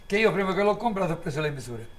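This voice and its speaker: Man, Sicilian accent, very quick pace, fairly high voice, colloquial, dialect-flecked, casual storytelling. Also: sing-song, a bit bright, a little hiss or hum. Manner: colloquial, unschooled Italian mixed with dialect. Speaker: tour driver being interviewed. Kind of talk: casual spoken anecdotes.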